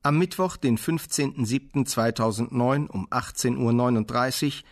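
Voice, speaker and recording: A man's voice: mid-range voice, normal speed. A man reading an official police report aloud in a dry, officious manner.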